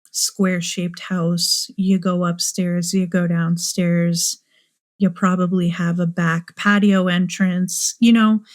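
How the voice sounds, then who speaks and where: A woman's voice: medium pitch, darkish tone. A woman hosting a true crime show, musing aloud and asking many rhetorical questions. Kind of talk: speculative true crime commentary.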